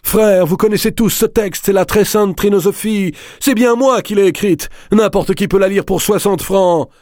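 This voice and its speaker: A man voicing an outraged, self-important man who denounces an impostor in a high, strident voice. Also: normal speed, a little mellow, dry recording, clean studio sound, lightly acted.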